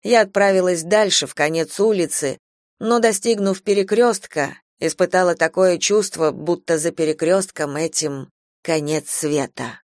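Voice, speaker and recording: A man reading a first-person literary novel aloud as an audiobook, in an even, measured way. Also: sits high, no room sound, studio quality. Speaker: audiobook reader.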